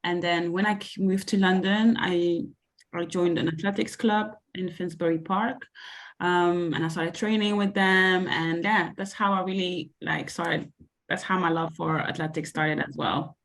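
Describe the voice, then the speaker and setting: On the low side and steady in tone, her voice is unhurried. She is a young Belgian sports coach and mentor taking interview questions as a guest about her coaching, and she sounds hesitant, dropping in plenty of ums, likes and other fillers.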